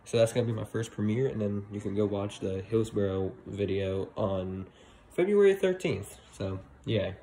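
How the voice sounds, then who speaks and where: In a low-quality recording, a teenage boy with a voice on the low side rambles at a moderate pace through his casual vlog. He walks around a mall at night holding his phone at arm's length, speaking loosely with fillers and upbeat sign-offs as steady outdoor noise continues below.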